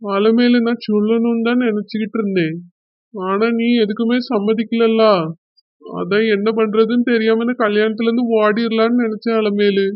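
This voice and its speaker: A woman's voice: fairly high pitch, little pitch movement, normal speed, dry recording, natural voice. A hesitant young husband in a village drama, played by a woman, with a Kanyakumari Tamil accent. He soothes his wife while sounding unsure of what to do next. The sound is dry and somewhat dull and lo-fi. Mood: worried. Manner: soothing, hesitant, repeats wife's name. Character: worried young husband, press shop owner.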